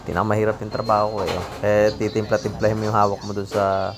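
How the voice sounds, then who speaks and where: A woman's voice: a bass voice, little pitch movement, fast talker. A woman giving chatty, joking voice-over commentary on her own footage as a vlogger. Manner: chatty, joking, self-praising. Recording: noisy background.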